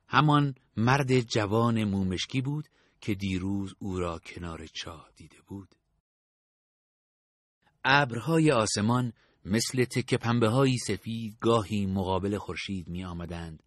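A man narrating an audiobook story with a steady storytelling read. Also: lowish voice, dry recording, clean studio sound.

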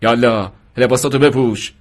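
A man's voice: mid-range voice, steady tone, natural voice. A man voicing a harsh, sly revolutionary guard. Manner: brusque, sly.

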